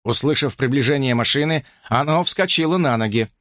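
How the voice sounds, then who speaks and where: A man narrating a horror audiobook with an expressive, dramatic reading. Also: mid-range voice, brisk, no echo, clean studio sound.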